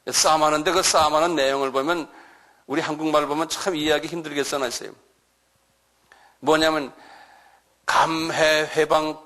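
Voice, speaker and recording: A middle-aged man preaching a lecture-style sermon, his voice sitting a little high for a man. He is animated, acts out scolding voices and often turns to his listeners with quick questions. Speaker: pastor.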